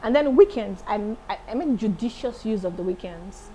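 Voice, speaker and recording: Lively, animated woman in her thirties. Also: medium pitch, moderate pace, a little hiss or hum, rough recording. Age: 30s. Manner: lively, laughs often, enthusiastic. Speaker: interview guest, singer and accountant. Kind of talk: casual interview chat.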